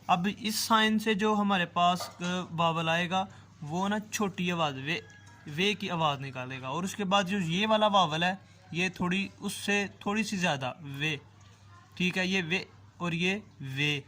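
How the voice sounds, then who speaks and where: A man's voice: high voice, sharp tone. A man teaching a language class, patiently drawing out and repeating each sound and checking that the listener follows. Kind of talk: online language lesson.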